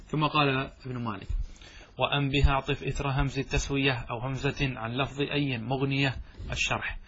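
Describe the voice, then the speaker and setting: A man teaching grammar in a classroom lecture, asking questions and answering them himself, and slowly drawing out quoted examples. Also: mid-range voice, fairly bright tone, slight background noise. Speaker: Islamic scholar teaching grammar. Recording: dull lo-fi recording.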